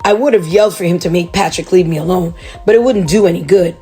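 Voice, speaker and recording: A woman's voice: on the low side, fast talker, faint music behind. Chatty woman reading to kids. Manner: chatty, animated, talking to children. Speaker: children's book reader. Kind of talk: reading a chapter book aloud to kids.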